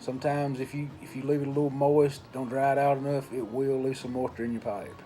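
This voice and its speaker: A man giving a casual review in an unhurried, folksy way, pausing between short phrases. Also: medium pitch, little pitch movement, mellow, soft background music, low-quality recording. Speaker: pipe tobacco reviewer. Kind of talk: casual product review talk.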